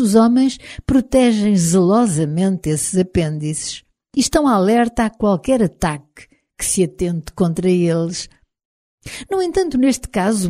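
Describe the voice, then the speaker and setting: Female audiobook narrator, European Portuguese accent, low-set warm voice, expressive first-person reading.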